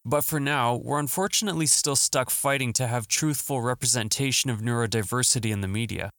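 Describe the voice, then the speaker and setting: A male podcast host speaks on his own from a home studio, earnest and upbeat despite a throat left scratchy by the flu. The voice is mid-range, brisk and fairly bright, with no echo.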